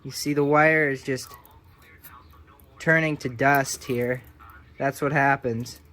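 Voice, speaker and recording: Speaking slowly in a steady, mid-range voice that sounds pushed and bright, a man walks through a hands-on radio repair. It's his own hobbyist video, and his commentary is casual, improvised, offhand, and self-deprecating.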